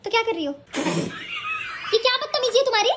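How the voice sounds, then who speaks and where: A woman's voice: very high voice, lively intonation, fast talker, heavy background noise, voice pushed up. A woman playing a strict schoolteacher who scolds a student in a stern voice.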